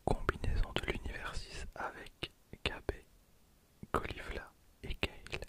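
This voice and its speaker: In a full ASMR whisper, breathy and without voice, a man in his 20s hosts his video while opening cards. He talks in a hushed way and often repeats himself slowly. He's recorded close up with a handheld stereo device.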